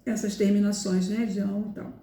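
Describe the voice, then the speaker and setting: A woman's voice: mid-range voice, level tone, fairly quick, mellow. Woman teaching grammar, echoey room. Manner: explanatory, repeats examples, frequent "tá?" and "né?" checks. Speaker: Portuguese language teacher. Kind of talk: recorded grammar lesson.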